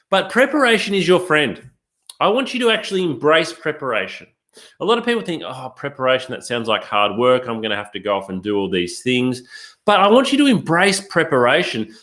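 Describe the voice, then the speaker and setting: A man's voice: a little high, fairly bright tone. A middle-aged man, a career coach, presenting a live online workshop, upbeat and emphatic, putting rhetorical questions straight to his viewers.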